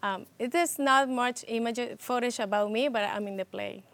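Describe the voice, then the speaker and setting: Soft-laughing woman from Ecuador. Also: on the high side, moderate pace. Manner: hesitant, with restarts and soft laughs. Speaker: interview guest, TV producer and host. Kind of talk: casual interview conversation.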